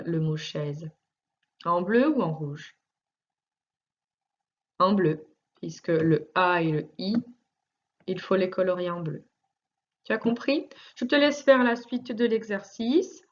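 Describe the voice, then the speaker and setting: Speaking to a single child, a woman who teaches primary school delivers a recorded lesson for little ones at a slow pace. Her words are drawn out and precisely pronounced, her manner patient and reassuring. Her pitch is medium, and the recording has its highs cut off.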